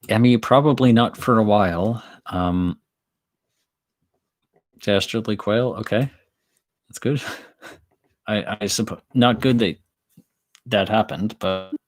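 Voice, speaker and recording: A man reading his own story aloud on a live stream, relaxed, with chatty asides and self-corrections. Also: fairly low pitch.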